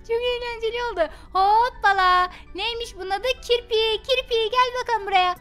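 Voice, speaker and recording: A woman's voice: very high voice, measured pace, bright, forceful tone, soft background music. A woman voicing a mischievous little girl in a game role-play, giggly and teasing. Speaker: Minecraft roleplay YouTuber.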